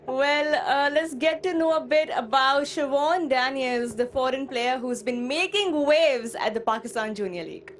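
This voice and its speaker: High-voiced female sports presenter. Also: a little hiss or hum. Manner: brisk, hands over to pundits. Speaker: studio presenter.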